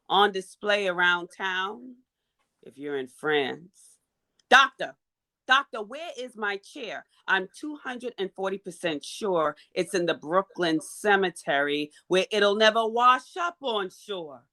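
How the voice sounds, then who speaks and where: Slow, forceful woman on a video call. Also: medium pitch. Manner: rhythmic, emphatic delivery. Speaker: panelist, menstrual health advocate. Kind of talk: spoken-word poetry and panel discussion.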